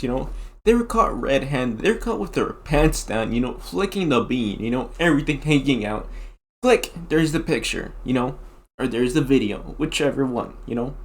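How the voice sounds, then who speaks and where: A man giving a casual, rambling commentary, filling his talk with constant "you know"s. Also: mid-range voice. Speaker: vlogger.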